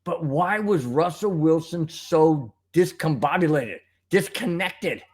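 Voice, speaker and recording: A man's voice: fairly high pitch, takes it slowly, slightly rough. A man hosting a sports fan show, talking in casual commentary and firing off rhetorical questions. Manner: animated, rhetorical questions, frustrated.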